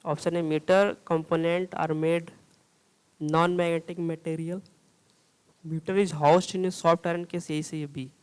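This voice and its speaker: Man, lecture style, slow, clear smooth voice, reads questions then explains. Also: on the high side, poor audio. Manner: reads English questions slowly, explains in Hindi with repeated "theek hai". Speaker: teacher. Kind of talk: exam-prep lecture solving multiple-choice questions.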